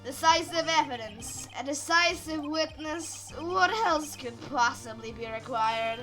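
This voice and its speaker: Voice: sits high, measured pace, over music. A player voicing an arrogant old male prosecutor who talks down to everyone. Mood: haughty. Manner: scornful, commanding. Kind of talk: fan voice-over of a game.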